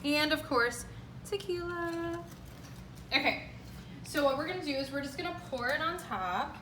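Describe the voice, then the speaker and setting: A woman's voice: high voice, animated, moderate pace. A woman hosting a casual home baking demonstration in a chatty, informal, upbeat way. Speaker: home baking show host. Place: indoor home kitchen. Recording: echoey room, distant mic, clear noise.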